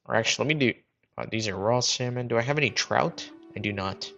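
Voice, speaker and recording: A man's voice: medium pitch, fast, creaky, bright, forceful tone, faint music behind. A man streaming a game, chatting casually and thinking aloud, his voice muffled as if talking into a cup through a cheap headset mic. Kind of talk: casual live commentary while playing.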